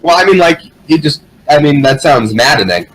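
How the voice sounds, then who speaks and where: A man's voice: on the high side, very animated, moderate pace, a bit bright, low-quality recording. A man chatting casually as a podcast co-host, in a rambling, sweary way. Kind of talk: casual chat about games and anime.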